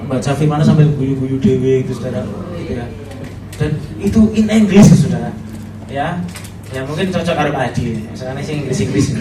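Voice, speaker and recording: Javanese-accented pastor preaching in an echoey hall. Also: male voice, medium pitch, recorded from a distance, noisy background. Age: middle-aged. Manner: chatty, humorous preaching with frequent laughs. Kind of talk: sermon. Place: church hall.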